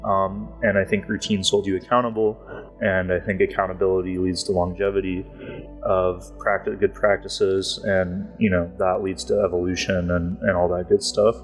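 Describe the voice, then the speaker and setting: Appearing as a podcast guest, a man with a low voice talks casually in a level tone at normal speed, with soft music in the background. It's relaxed interview talk, and he rambles, packing his speech with "like" fillers.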